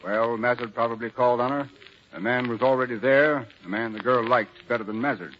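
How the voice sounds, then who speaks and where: In a 1940s radio drama, an actor plays an assured middle-aged lawman who explains things with wry confidence. His mid-range voice moves a little fast and sounds close to everyday speech. The broadcast recording is muffled and noisy.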